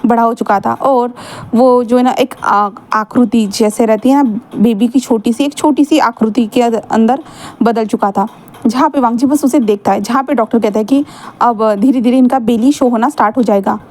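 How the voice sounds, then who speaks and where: A woman's voice: a little high, moderate pace, a little mellow. A woman casually retelling a fan fiction story with chatty fillers and asides. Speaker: fanfiction narrator.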